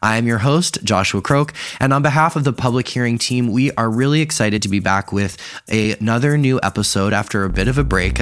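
Male public-radio host, upbeat, lowish voice, with music bed behind. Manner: upbeat, scripted intro delivery. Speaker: podcast host. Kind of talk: radio interview.

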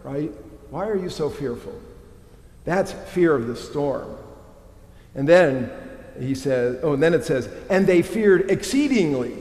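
A middle-aged man preaching a sermon as a pastor, animated and tossing in rhetorical questions. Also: mid-range voice, slow pace, pauses often. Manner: animated, frequent rhetorical "right?". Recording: echoey hall with long reverb.

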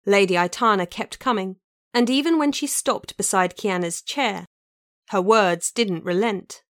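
A woman narrating a fantasy novel as an audiobook, with an even storytelling delivery. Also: mid-range voice, measured pace, no room sound, studio quality.

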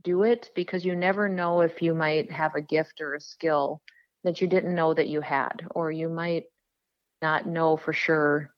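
A middle-aged woman from South Dakota, a politician guest telling her story in an earnest, plain-spoken way with frequent pauses. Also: deep voice, fairly even intonation, dry recording, muffled recording. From South Dakota, USA. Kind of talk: casual interview storytelling.

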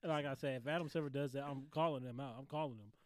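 A man co-hosting a sports podcast, excitable and profane, often laughing. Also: mid-range voice, fast talker, no room sound. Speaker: podcast co-host. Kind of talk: casual sports chat.

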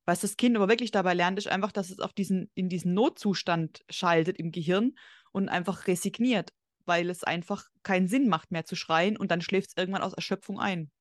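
A woman guest on a podcast, an expert on babies, explaining in a calm, matter-of-fact way with some hesitations. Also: on the low side, fairly quick, no room sound, studio quality. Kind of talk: casual podcast interview.

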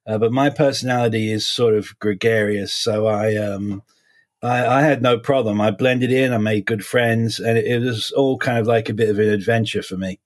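A man in his forties with a slight Essex English accent softened by American years, chatting casually as an interview guest in halting, repetitive phrasing. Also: lowish voice, fairly even intonation. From suburbs of London, England (Essex), then Florida from age 12. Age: 40s. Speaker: guest, criminal defense lawyer.

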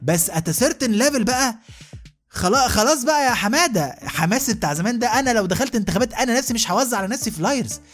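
A man's voice: very high voice, animated, fast, a bit bright, faint music behind. An Egyptian man in his thirties delivering a comic rant as a podcast host, asking "you know what I mean" again and again. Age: 30s. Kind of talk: comic monologue.

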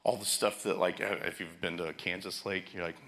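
A man's voice: deep voice, flat delivery, a little fast, fairly bright tone. A man preaching a sermon as a pastor, telling stories and often restarting his phrases.

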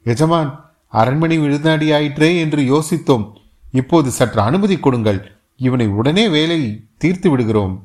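A man's voice: a little high, expressive, normal speed, darkish tone, lightly acted. A man voicing a nervous, servile male palace guard who pleads with his master in an audiobook. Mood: pleading.

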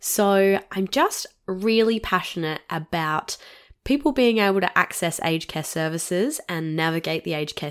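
A woman in her thirties with an Australian accent and a nasal voice from a cold, hosting a casual solo podcast with a chatty manner and little laughs between phrases. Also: lowish voice. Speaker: podcast host.

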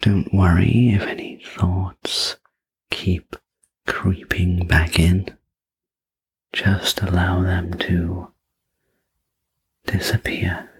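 A breathy, gently soothing whispered role-play in the manner of a sleep story narrator, guiding the listener through relaxation. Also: deep voice, level tone, very slow, long pauses, poor audio.

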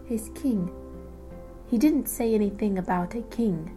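A timid young girl, as a woman reads her, with a higher, breathy, hushed voice. She sounds frightened and wondering, with soft music faintly underneath. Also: unhurried, natural voice. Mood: anxious.

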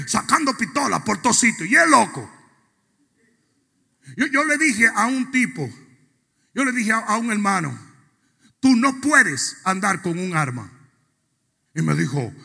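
High, gravelly preaching man in a hall. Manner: swings from quiet asides to shouted, sing-song preaching. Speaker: pastor. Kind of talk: sermon. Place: church sanctuary. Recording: long reverb of a church hall.

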